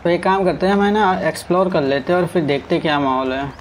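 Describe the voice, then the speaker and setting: A man's voice: on the high side, fast talker, a little hiss or hum, low-quality recording. Chatty man commentating gameplay. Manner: chatty, talks to the truck and viewers as he plays. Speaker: gaming streamer. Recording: faint game sounds in background.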